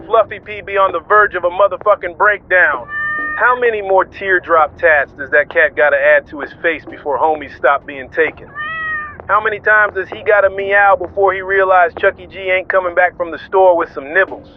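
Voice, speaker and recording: A man with a high-pitched, fairly natural voice plays a swaggering, sentimental pirate radio DJ who hosts the show in melodramatic street slang. His monologue sounds slangy and improvised, heard through a phone-like radio band with music and vehicle noise behind him.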